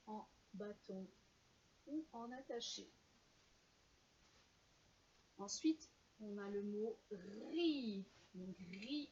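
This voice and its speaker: A woman teacher talks very slowly and clearly to young children and stretches out each syllable as she sounds it out. Her voice sits in a middle range. The recording is dull, with a faint hiss behind her. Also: mid-range voice, darkish tone. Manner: slow, carefully sounding out syllables.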